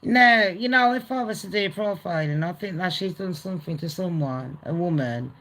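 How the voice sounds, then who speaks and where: A woman's voice: on the low side, moderate pace, a bit bright, slight background noise. A woman hosting a live celebrity gossip stream, casual, blunt and sweary, talking straight to her viewers. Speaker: gossip channel host.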